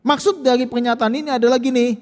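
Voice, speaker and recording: Pastor guy preaching, very high voice, chatty rhetorical questions, big church echo. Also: steady tone, quick pace. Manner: conversational, asks the congregation rhetorical questions. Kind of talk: sermon. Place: church sanctuary. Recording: long church reverb.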